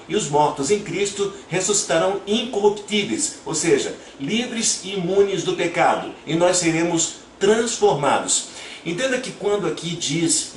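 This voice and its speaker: A man, earnestly explaining Bible verses one by one as a preacher. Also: sits high. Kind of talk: Bible teaching narration. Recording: roomy echo, distant from mic, faint noise.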